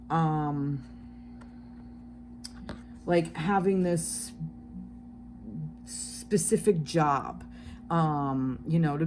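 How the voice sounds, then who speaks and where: A woman's voice: lowish voice, dark tone, a little hiss or hum. A woman with a New Jersey accent giving a casual tarot reading, rambling along with many fillers, restarts and the odd swear word. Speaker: tarot reader.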